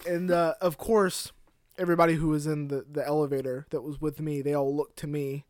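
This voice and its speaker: A young man hosting a podcast, chatting casually in a rambling, joking way and sometimes getting loud. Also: a little high, flat delivery, a little fast, no room sound, studio quality. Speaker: podcast host. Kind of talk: casual chat.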